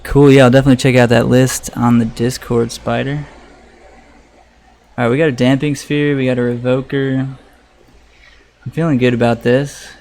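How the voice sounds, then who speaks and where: A man's voice: medium pitch, level tone, fairly quick, darkish tone. A man casually commentating live on a card game as he plays, thinking aloud in a conversational way, with a fan running. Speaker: streamer playing an online card game. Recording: electric fan noise in the background. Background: electric fan running.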